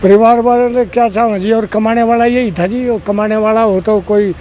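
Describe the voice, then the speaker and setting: A man's high voice speaks to a reporter in a measured, respectful way. Faint traffic noise runs behind him. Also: steady tone, darkish tone. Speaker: local official speaking for family. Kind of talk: street interview.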